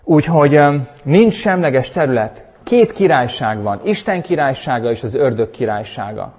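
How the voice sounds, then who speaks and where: Husky preacher in an echoing hall. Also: male voice, medium pitch. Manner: animated, emphatic preaching with sudden loud peaks. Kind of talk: sermon with prayer. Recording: husky voice in a long-reverb hall.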